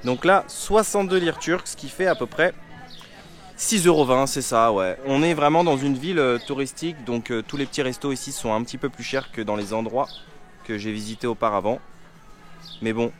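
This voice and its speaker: A man talking casually to camera on a travel vlog, relaxed and chatty with frequent laughs, tired from the trip, recorded outdoors at a street restaurant on a handheld camera mic. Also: mid-range voice. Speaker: travel vlogger.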